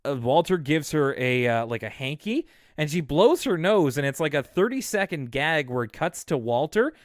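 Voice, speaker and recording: A man's voice: a little high, sing-song, moderate pace, no echo. Dry-voiced wry male podcast co-host. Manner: chatty, wry, with many fillers. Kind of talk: casual chat.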